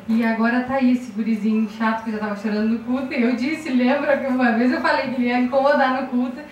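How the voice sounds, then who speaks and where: A woman's voice: a little high, steady tone, fast talker, a little hiss or hum. Emotional southern Brazilian woman testifying in echoey church. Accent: southern Brazilian Portuguese. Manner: emotional, conversational, quotes dialogue. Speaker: church member giving testimony. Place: church hall. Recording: very echoey room, mic far off.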